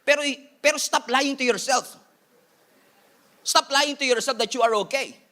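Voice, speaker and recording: A Filipino-accented pastor preaches with energy, mixing Filipino and English and tossing playful asides to his flock. His voice sits high for a man and rings bright and forward. The delivery is a lively sermon. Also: moderate pace.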